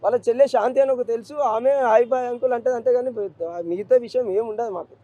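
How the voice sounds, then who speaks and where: A man's voice: very high-pitched, fairly even intonation, fast talker, mellow, dry recording, dull audio. A middle-aged grieving father, speaking in an emotional street interview, pleading and repeating himself. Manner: grief-stricken, repetitive, pleading.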